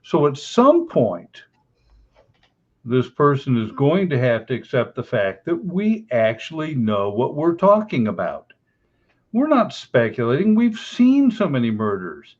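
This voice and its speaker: A man's voice: medium pitch, huge pitch swings, measured pace, darkish tone, dull audio. An older man, a veteran investigator, giving emphatic, opinionated panel commentary.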